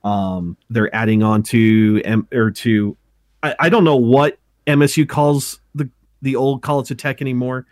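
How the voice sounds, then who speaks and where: A man's voice: medium pitch, fairly even intonation, darkish tone, no room sound, studio quality. A man in his thirties from Montana, co-hosting a casual talk show, often restarting and correcting himself as he goes. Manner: halting, many restarts and self-corrections. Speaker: podcast co-host. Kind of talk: casual chat.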